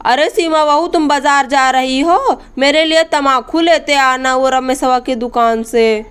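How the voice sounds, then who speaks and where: A woman voicing a fond old village grandfather in a doll story, doting and softly scolding. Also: high-pitched, unhurried.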